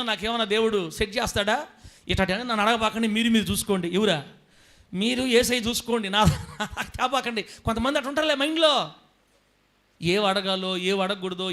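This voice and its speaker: A man's voice: high-pitched, sharp tone. A man who is a pastor, preaching a fervent sermon and calling the congregation to answer him. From southern India. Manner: fervent, calls to the congregation for amens.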